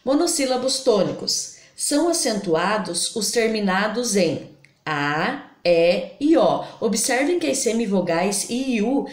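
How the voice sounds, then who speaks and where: A woman teaching a grammar lesson, slowly spelling out example words syllable by syllable. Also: mid-range voice, very animated. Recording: roomy echo.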